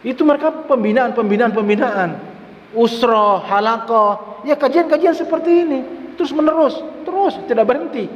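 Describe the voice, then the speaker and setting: Male preacher with a higher voice, emphatic and repetitive, recorded lo-fi in a reverberant mosque hall. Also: normal speed. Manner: repeats words for emphasis, mixes in Arabic phrases. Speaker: Islamic preacher. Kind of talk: mosque study-session sermon. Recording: echoey mosque hall, dull lo-fi sound.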